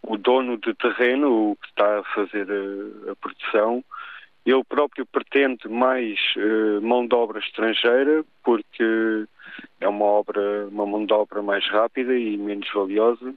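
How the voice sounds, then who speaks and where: A man's voice: on the low side, fairly even intonation, normal speed, dry recording. Man, european portuguese accent, radio caller, stammering, insistent, dry phone line. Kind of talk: radio call-in opinion.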